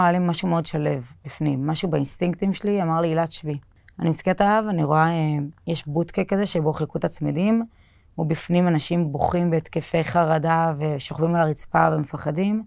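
Low, gravelly-voiced young woman. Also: a little mellow, no echo, studio quality. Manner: plain storytelling with many fillers and restarts, quoting herself and others. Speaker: party bartender telling her story. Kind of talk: casual spoken personal account.

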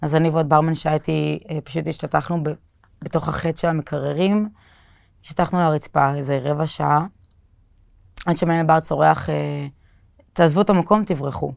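In a deep, level voice with vocal fry, a young woman recounts her own experience in a loose, conversational way, stumbling through fillers and restarts and quoting herself and other people. It's clean studio audio with no echo.

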